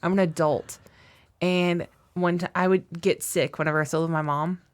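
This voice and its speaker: A woman's voice: lowish voice, steady tone, moderate pace, clean tone. A woman co-hosting a comedy podcast, talking bluntly and casually, swearing and laughing often. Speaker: podcast co-host.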